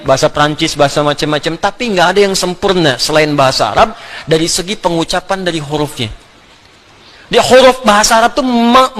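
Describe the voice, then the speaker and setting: A middle-aged man giving an animated religious lecture, often laughing and sounding out letters. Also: a little high. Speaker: Islamic preacher.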